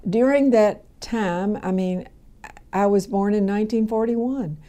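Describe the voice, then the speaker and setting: A woman, talking through a radio Bible lesson in an easy, conversational way. Her voice is mellow and soft-edged, sitting at an ordinary pitch for a woman. She wanders a bit, doubling back with fillers and restarts as she goes. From Kentucky, USA. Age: 70s. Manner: rambling, with frequent fillers and restarts.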